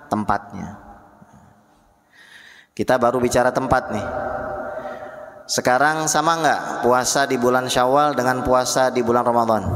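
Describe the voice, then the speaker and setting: A man giving a religious lecture, asking the audience questions and answering them himself. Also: medium pitch. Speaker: Islamic preacher. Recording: echoey hall reverb.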